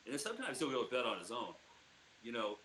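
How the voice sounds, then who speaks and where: A man's voice: medium pitch, very animated, fast talker, a bit bright, echoey room, a little hiss or hum, low-quality recording. A man co-hosting a podcast in casual chat, rambling with many fillers and frequent laughs. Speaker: podcast co-host.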